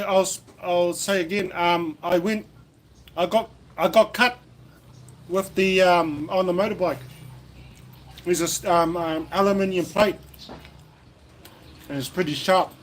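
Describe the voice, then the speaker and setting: A chatty New Zealand man with a high voice hosts a relaxed lunchtime livestream. He rambles easily, full of fillers and restarts. A faint hum of noise sits behind him. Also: measured pace, pauses often. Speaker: livestream host. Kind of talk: casual livestream chat. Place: indoors at a lunch table in the Philippines.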